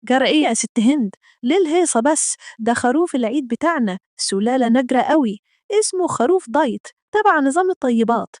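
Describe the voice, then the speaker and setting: A woman's voice: high-pitched, lively intonation, quick pace, a little mellow, no echo, clean studio sound. A woman doing a boastful stubborn Egyptian dad. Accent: Egyptian Arabic. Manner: boastful, defensive. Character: proud stubborn man, middle-aged father.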